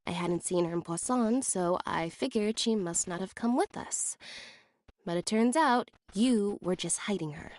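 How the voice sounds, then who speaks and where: A woman voicing a blunt, deadpan, coolly determined young sister in an anime game. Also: medium pitch, unhurried, no echo, close to an everyday voice. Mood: flat, insistent. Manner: deadpan, matter-of-fact.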